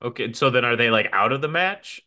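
A man's voice: medium pitch, animated, brisk, bright, forceful tone. A man co-hosting a casual podcast chat, playful and speculating. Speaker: podcast co-host.

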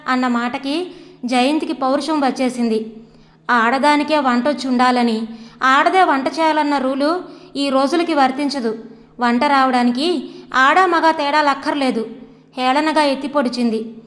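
A woman storyteller reads a novel aloud at an even, measured pace. Her voice is high. A long hall reverb trails behind her words.

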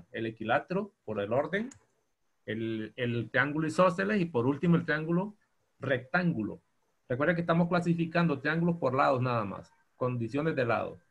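A man teaching a university geometry class, dictating slowly and spelling out terms. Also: mid-range voice, expressive, highs cut off. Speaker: geometry lecturer.

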